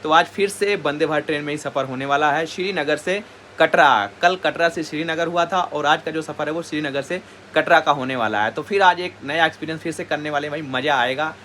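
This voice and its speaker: A man's voice: on the high side, brisk, pushed and bright. Male travel vlogger, chatty and friendly, filming himself outdoors on a lake boat with a handheld camera, faint background noise. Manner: chatty, keeps calling the viewer "bhai". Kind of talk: casual travel vlog.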